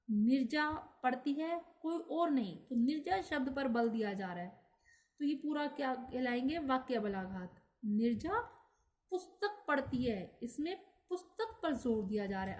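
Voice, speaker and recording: A woman teaching a grammar class in a fairly high voice. She speaks slowly and carefully, spelling things out one step at a time. She keeps asking the class questions and then answering them herself. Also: a little mellow.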